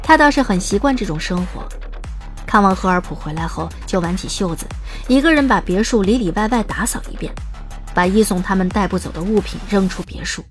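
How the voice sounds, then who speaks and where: A woman's voice: medium pitch, animated, a little fast, faint music behind. Woman narrating a story, lightly wry. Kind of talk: scripted audiobook narration.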